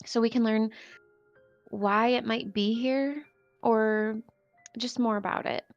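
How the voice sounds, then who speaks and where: A woman's voice: fairly high pitch, fairly even intonation, takes it slowly, muffled recording, soft background music. A woman playing a tabletop game, chatting casually. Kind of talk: casual chat.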